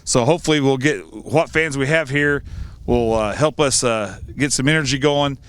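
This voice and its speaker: Middle-aged man, American accent, speaking through a face mask, high school coach, plain-spoken interview answers, clear voice, dry sound. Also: moderate pace, no room sound.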